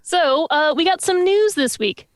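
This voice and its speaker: A woman's voice: very high-pitched, animated, unhurried, dry recording, clean studio sound. A woman co-hosting a live-streamed podcast, making upbeat announcements full of puns. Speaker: podcast co-host.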